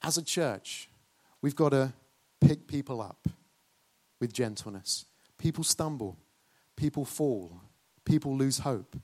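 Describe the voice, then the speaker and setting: Man preaching a lively sermon. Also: medium pitch, takes it slowly. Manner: lively, questioning the congregation.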